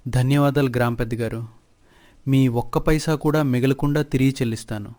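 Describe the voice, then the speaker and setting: A man's voice: mid-range voice, fairly even intonation, a little fast, a little mellow, close to an everyday voice. A man voicing a poor, humble farmer who pleads for help for his son. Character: poor humble young farmer, a worried father.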